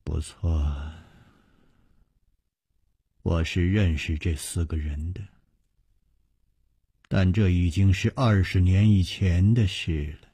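A man voicing a cold, aloof middle-aged widow in a told story, speaking quietly and low with a detached manner. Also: lively intonation, slow, pauses often, husky, exaggerated voice. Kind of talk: storytelling broadcast.

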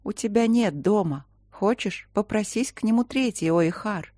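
A woman voicing a timid, gentle blind young woman who speaks softly and slowly. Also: mid-range voice, lively intonation, dry recording, studio quality, pitched above the performer's own voice, natural voice. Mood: meek. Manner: soft, slow, meek speech.

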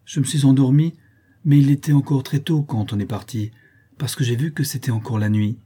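A man's voice: medium pitch, fairly even intonation, fairly quick, warm tone, breathy edge, voice pushed up, close to an everyday voice. A man voicing a shy little girl of about five who gives small, unsure, matter-of-fact answers. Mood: innocent.

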